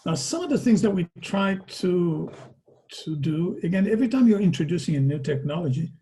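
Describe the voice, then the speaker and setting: Over a video call microphone, a native Portuguese speaker with a Portuguese accent gives a conversational presentation. His high, dark-toned voice moves quickly with lively intonation, and he often closes his points with a tag question.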